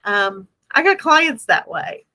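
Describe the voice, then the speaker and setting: Bright, forceful woman, slow and emphatic. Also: medium pitch. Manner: animated, emphatic, repeats phrases for effect; self-deprecating, playful. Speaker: host. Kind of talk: casual business motivation chat.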